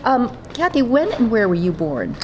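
A woman conducting an oral history interview, warmly affirming answers and asking questions. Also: fairly high pitch, sing-song, normal speed, a crowd in the background. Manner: encouraging, affirming. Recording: noisy background hiss.

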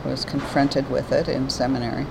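A woman in her seventies from New York State, a retired pastor, thinking aloud slowly with many pauses and fillers in an oral history interview. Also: extremely low pitch, level tone, gravelly. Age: 70s. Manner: thoughtful, halting with many fillers. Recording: noisy background hiss.

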